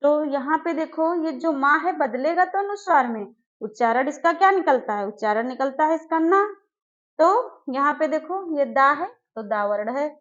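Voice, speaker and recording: Woman teacher, fairly high voice, slow syllable drills, dull lo-fi sound. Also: animated, fairly bright tone. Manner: slow, drawn-out syllable drills with repeated questions. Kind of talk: exam-prep grammar lesson. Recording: dull lo-fi recording.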